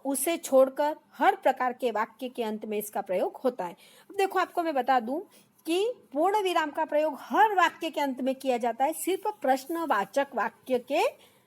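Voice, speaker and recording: A young adult woman with a high-pitched voice teaches an exam-prep grammar lesson. She explains each point step by step, repeating key terms and now and then correcting herself mid-word.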